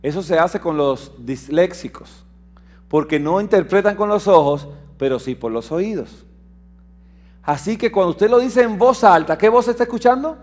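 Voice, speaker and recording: High-voiced male preacher. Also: animated, normal speed. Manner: questions the congregation and reads scripture aloud; swings between loud declaiming and soft low asides. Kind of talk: sermon.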